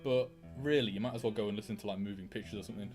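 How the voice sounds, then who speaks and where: A man's voice: on the low side, rapid-fire, faint music behind. A man, co-hosting a casual podcast, talking in an informal way with lots of fillers. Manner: informal, animated, full of fillers. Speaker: podcast co-host. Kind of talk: casual chat.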